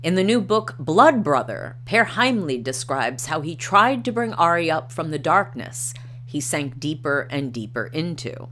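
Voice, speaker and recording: A woman with a low voice hosts a livestream, chatting casually and reading articles and quotes aloud, with many ums and uhs. She's very animated, a little slow and a bit bright, and isn't a native Norwegian speaker. There's slight background noise, and she sounds hesitant.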